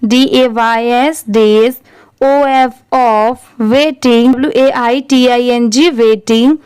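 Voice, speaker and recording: A woman's voice: a little high, steady tone, takes it slowly, darkish tone, smooth, no room sound. A woman teaching English reading, spelling each word out letter by letter and then saying it whole. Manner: spells words letter by letter, then repeats them. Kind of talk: slow spelling-out reading lesson.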